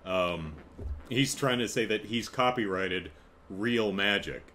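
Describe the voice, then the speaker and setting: A man's voice: lowish voice, slow, sharp tone. A man casually recapping a TV episode, rambling with many fillers and chuckling asides. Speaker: TV episode reviewer.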